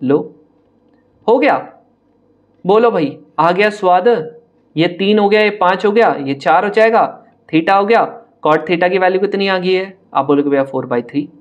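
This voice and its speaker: A young man teaching an online maths lesson for exam prep in speech, talking straight to his students in a brisk, chatty, teasing way. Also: sits high, lo-fi sound. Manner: brisk, chatty, addresses students directly, mocks hard-looking questions.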